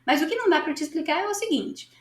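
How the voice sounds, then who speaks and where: A Brazilian woman with a Brazilian Portuguese accent gives a casual English lesson. She is chatty and encouraging, and keeps checking in with her listeners. Her voice sits high and sounds roomy and echoey. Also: animated, racing. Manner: chatty, encouraging, keeps asking "tudo bem?". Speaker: English teacher.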